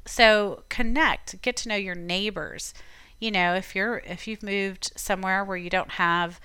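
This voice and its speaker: A woman from Florida hosting a podcast, giving chatty, encouraging advice in a relaxed conversational way. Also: mid-range voice, measured pace, clean tone, no room sound. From Tampa, Florida. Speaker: podcast host. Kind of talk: casual advice talk.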